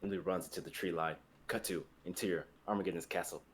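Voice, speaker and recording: Narrating a dramatic script, this young man voices the scene and action directions in a fairly low register. His intonation stays fairly even and his pace is quick, while clear background noise and room sound come through.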